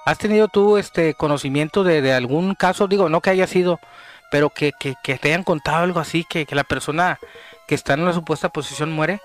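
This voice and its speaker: A man with a Mexican accent tells a story in a relaxed chat, lively and dropping into hushed tones when it gets tense. His voice sits a little high. Faint music plays underneath. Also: brisk. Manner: animated, drops to hushed tones at tense moments. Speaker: podcast guest telling a story. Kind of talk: casual storytelling.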